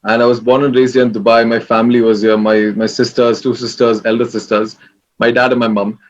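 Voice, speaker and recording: A man's voice: medium pitch, brisk. Young man, lo-fi sound. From Kerala, India. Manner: relaxed, rambling, many fillers. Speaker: interview guest. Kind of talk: casual interview.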